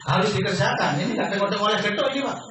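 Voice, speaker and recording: A man with a high voice works the room in a sales seminar, calling everyone sir and firing quick questions at them. His voice bounces around a big, very echoey hall. He is picked up from far off, with a faint hum of ambience underneath. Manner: persuasive, keeps addressing listeners as sir and quizzing them. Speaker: business opportunity presenter. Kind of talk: sales seminar pitch to an audience.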